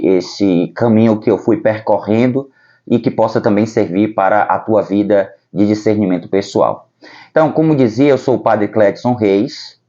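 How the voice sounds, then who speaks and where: Man, Brazilian accent, priest giving personal testimony, low mellow voice, dull lo-fi sound. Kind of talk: personal vocation testimony to camera. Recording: dull lo-fi recording.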